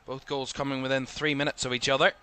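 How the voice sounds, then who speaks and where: A young man with a Northern Irish accent calls a football match live, in bright, forward tones. His play-by-play comes fast and jumps up in pitch when an attack builds, then settles back into steady, mid-pitched analysis between plays. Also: clear, resonant tone. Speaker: football commentator. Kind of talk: live watchalong match commentary.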